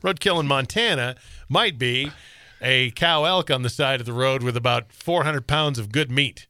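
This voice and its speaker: A man's voice: mid-range voice, moderate pace, sharp tone, clear, resonant tone, no room sound. An American man co-hosting a podcast in casual, joking chat. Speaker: podcast co-host.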